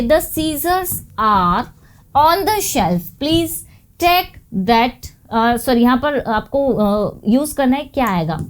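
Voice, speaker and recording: A young woman with a high voice teaching an English grammar lesson. She explains at an unhurried pace and keeps checking that her students follow. Each example sentence comes out slowly and carefully. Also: darkish tone. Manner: explains patiently, checks understanding with "clear?".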